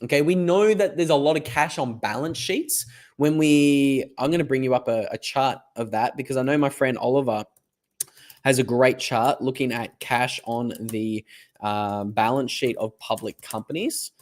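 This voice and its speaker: A man with an Australian accent hosting a casual live stream, hoarse from a lost voice, rambling and chatty as he reads viewer comments aloud. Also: medium pitch, normal speed.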